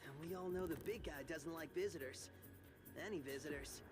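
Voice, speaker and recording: A man's voice: on the high side, moderate pace, lightly acted. A man playing a goofy surfer-slang ninja turtle. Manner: excitable, slangy and jokey. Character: young goofy surfer-talking ninja turtle, playful joker. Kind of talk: video game cutscene acting. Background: music.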